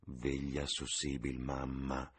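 A man voicing a sullen, blunt young sailor brother in an audiobook, husky and subdued. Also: very deep voice, completely flat delivery, slow, fairly bright tone, pitched below the performer's own voice, exaggerated voice. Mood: brooding.

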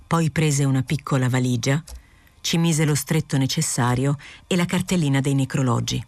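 A woman narrating a literary novel aloud in a steady, clear, unhurried audiobook reading. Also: rumbling low, dry recording. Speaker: audiobook reader.

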